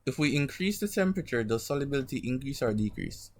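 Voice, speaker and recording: A man's voice: medium pitch, animated, quick pace, darkish tone. Slightly muffled man teaching an online class. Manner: didactic, frequent check-in tags like "right?" and "okay?". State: sore mouth from an emerging wisdom tooth. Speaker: chemistry teacher. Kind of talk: online lesson, informal lecture with check questions. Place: online class over screen share.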